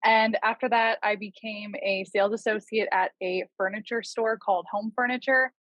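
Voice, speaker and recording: A woman's voice: medium pitch, fairly even intonation, moderate pace, fairly bright tone, dry recording, rough recording. A woman in her twenties, chatty and self-deprecating, talking casually on a podcast. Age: 20s. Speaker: project manager.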